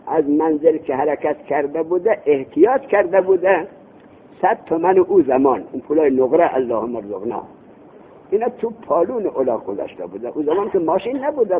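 Animated husky male grammar teacher, tinny. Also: a little high, a little hiss or hum. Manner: animated, reads Arabic text aloud then explains it, asks rhetorical questions. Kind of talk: classroom lecture explaining a text, with anecdotes. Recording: tinny phone-like lo-fi recording.

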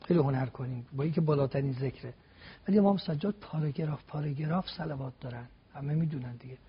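A man's voice: fairly high pitch, slightly rough. A man giving a religious talk on a TV program, laying out his points one by one with emphatic rhetorical questions. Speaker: religious guest speaker. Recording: dull lo-fi broadcast sound.

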